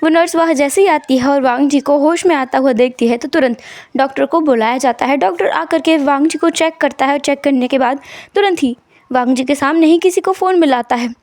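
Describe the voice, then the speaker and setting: A woman retells a fan story in a loose, conversational manner. Her voice sits high, and the recording is dry and close with no room sound. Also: brisk, a little mellow, no echo. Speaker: story narrator.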